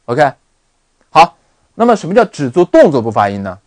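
A man teaching an online English lesson, drilling words by repeating them in an animated way. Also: fairly high pitch, normal speed, no room sound.

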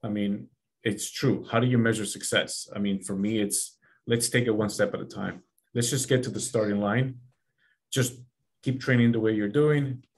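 Here a podcast host in his forties speaks in a lowish, steady voice at a moderate pace, chatting casually over a video call from a small office room. He's earnest and tends to repeat himself to drive points home.

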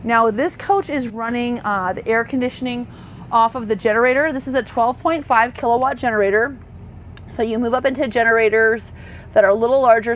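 A woman, an RV sales associate, giving a thorough walkthrough tour inside a parked motorhome, talking chattily with fillers and self-corrections. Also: on the high side. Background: faint hum of air conditioning.

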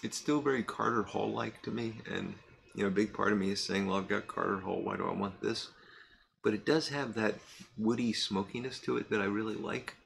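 This pipe-smoking vlogger, a middle-aged man, has a lowish voice with vocal fry and slight background noise. Speaking casually to camera from a cluttered workshop, he rambles with many fillers and restarts, pausing to puff on the pipe.

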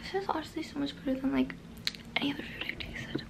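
This ASMR roleplay comes from a woman in her twenties whispering high-pitched, breathy, mostly unvoiced words right against the microphone. Recorded in a small bedroom, she is soft and halting, repeating words at a slow pace.

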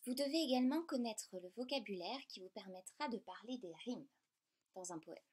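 Woman teacher, slightly high voice, patient and clear, walks through it step by step. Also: lively intonation, moderate pace, darkish tone. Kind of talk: explanatory lesson.

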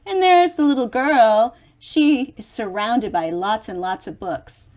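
A middle-aged woman reads a children's picture book aloud, expressive and unhurried, adding chatty explanations for young listeners. Her voice is fairly high in pitch with a darkish tone.

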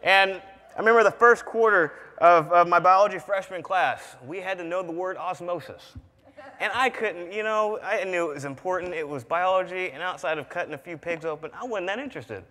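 High-voiced young man preaching in a hall. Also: a little fast. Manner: animated, shouting for emphasis. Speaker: student preacher. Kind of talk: sermon. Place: large church sanctuary. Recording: reverberant church hall.

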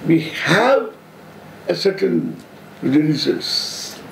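Older male swami, South Indian accent. Unhurried, deliberate, humorous discourse, very animated intonation, noisy live room. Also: a little high, creaky. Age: 70s. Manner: deliberate, halting phrases, playful humour. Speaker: spiritual teacher, swami. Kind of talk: informal spiritual discourse. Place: seated on stage before an audience, indoors. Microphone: stand microphone close in front. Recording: roomy echo, audible background noise.

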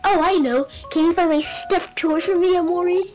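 A woman's voice: very high voice, normal speed, darkish tone, pitched above the performer's own voice. A woman voicing a whiny, pouting young girl from a video game, pleading in a sing-song way, with game music behind her.

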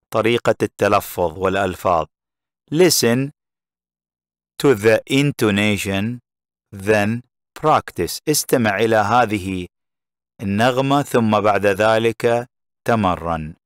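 Slow, low-voiced male English teacher. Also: lively intonation, smooth, dry recording, studio quality. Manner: reads English lines slowly, then translates them into Arabic. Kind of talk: textbook lesson with Arabic translation.

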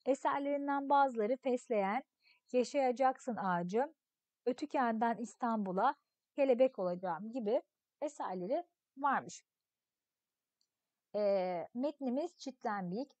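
Female teacher, high voice, expressive story reading, dry close sound. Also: unhurried, pauses often, dry recording. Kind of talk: reading a story aloud in a lesson.

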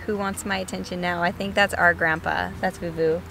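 A woman in casual conversation, asking questions calmly and patiently. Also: fairly low pitch, fairly quick, gravelly. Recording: noisy background with passing traffic.

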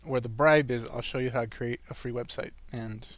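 A man with a mid-pitched, slightly wheezy voice presents an online tutorial in a casual way. He breathes a little hard and talks through each click informally as he goes. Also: steady tone, a little fast, no echo. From California, where he lives. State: breathing a little hard after an asthma attack.

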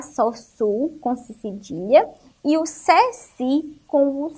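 A Brazilian woman teaching young children online, her voice pitched high and swinging up and down. She takes her time, stretches words out, asks little questions and answers them herself. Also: a little mellow. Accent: Brazilian Portuguese. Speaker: primary school teacher.

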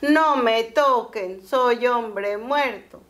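A lazy, stubborn young villager drawls his lines slowly, as a woman storyteller puts him on. The voice sits a little high. He is the boastful hero of a spoken folktale. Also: fairly bright tone. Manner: slow, drawn-out pleading.

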